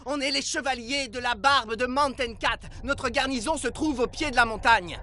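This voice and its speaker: An actor voicing an ambitious young knight leader in a dubbed cartoon, commanding and jumpy. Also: male voice, high-pitched, lively intonation, normal speed, pushed and bright, a little hiss or hum, full character voice. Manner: commanding, turns panicky.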